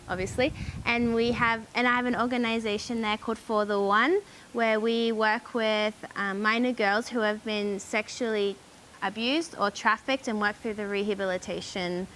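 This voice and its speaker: A young Australian woman telling her story casually and hesitantly, with frequent ums and pauses. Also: on the high side, fairly bright tone, a little hiss or hum, poor audio. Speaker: charity founder.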